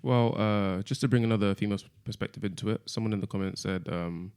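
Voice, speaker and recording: A man's voice: fairly low pitch, quick pace, gravelly, darkish tone, clear, resonant tone. A young man hosting a podcast, steering the chat and putting questions to the group. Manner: steers topics, poses scenarios. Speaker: podcast host.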